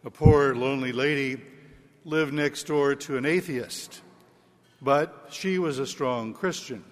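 A male priest reading the gospel and preaching in a slow, measured church style, with a cathedral echo. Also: mid-range voice. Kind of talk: liturgical gospel reading and homily. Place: large church. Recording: long church hall reverb.

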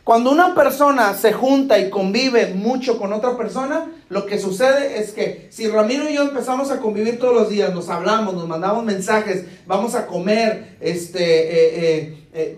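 A man, preaching as a pastor. He keeps asking the congregation if they follow him, and he acts out little dialogues with humor. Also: high voice. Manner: asks the congregation "¿Está conmigo?" again and again. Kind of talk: sermon. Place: church hall. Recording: echoey church hall.

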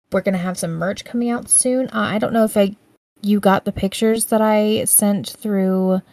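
A woman co-hosting a podcast in casual chat, relaxed and full of fillers, laughing along with her friend. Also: mid-range voice, dry recording. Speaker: podcast co-host.

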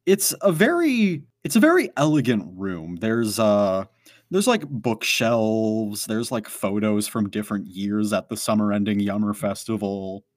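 A man's voice: fairly low pitch, very animated, a little slow, dry recording, studio quality. A man narrating a tabletop game as game master, rambling with many fillers. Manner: rambling, full of "like" and "um".

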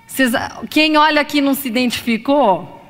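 A woman's voice: high voice, normal speed, soft background music. A woman psychologist giving a live lecture to an audience, talking expressively and acting out examples. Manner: expressive, acts out examples in voices. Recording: long reverb of a lecture hall.

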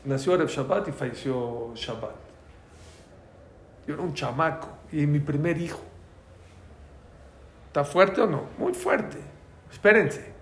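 A man's voice: a little high, a little hiss or hum. Man, religious class lecture, storytelling, asks the room questions, roomy echo. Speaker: religious teacher.

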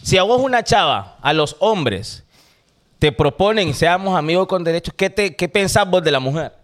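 A man's voice: high voice, animated, normal speed, fairly bright tone. A man hosting a casual podcast, drawing out teasing questions to the group. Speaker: podcast host.

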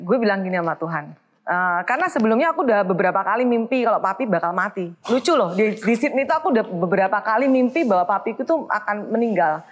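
A woman's voice: mid-range voice, expressive, quick pace. A woman in her forties with a Surabaya Indonesian accent, telling a personal story as an interview guest, emotional and slipping into English phrases. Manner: emotional, mixes English phrases, acts out quoted voices.

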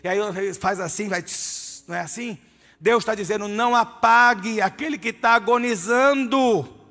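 A man's voice: high voice, normal speed, creaky, a bit bright. A man preaching a sermon in a church, emphatic and speaking straight to his listeners. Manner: emphatic, addresses listeners directly as "my dear". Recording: reverberant hall with music behind.

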